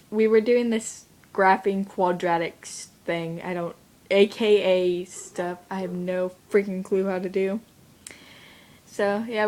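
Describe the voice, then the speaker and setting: A woman's voice: mid-range voice, a little mellow. A teenage girl telling a rambling story to camera in a casual vlog, near tears and full of fillers, filmed on a handheld device. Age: teens. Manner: rambling, sidetracked, many fillers. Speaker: vlogger.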